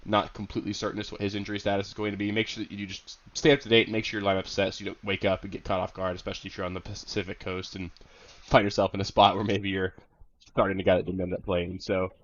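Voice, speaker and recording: A young man talks quickly and eagerly, his voice slightly low and congested with a head cold. He rambles casually, full of fillers. The recording sounds dull and lo-fi. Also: little pitch movement, fairly bright tone. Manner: upbeat, chatty, many fillers. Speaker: fantasy football analyst. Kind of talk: casual video commentary.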